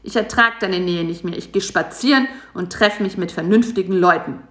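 A woman's voice: on the low side, normal speed, fairly bright tone, natural voice. A grumpy homebody spider, grumbling and snapping at his pesky guest, as a woman acts him out. The voice sits somewhat raised and firm. It sounds echoey, like a reading in a bare room. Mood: snappy. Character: grumpy lazy male spider, stay-at-home. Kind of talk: storybook voice acting.

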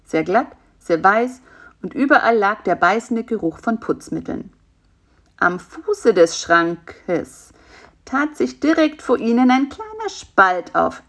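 A woman narrating a children's storybook in an even, gentle reading voice. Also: on the high side, slow.

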